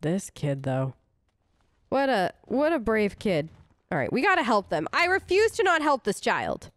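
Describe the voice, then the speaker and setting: A gaming host does casual in-character commentary while role-playing through a video game, chatty, reassuring, and thinking aloud. Her fairly high, bright voice is very animated and a little slow, recorded dry on a close mic with no room sound.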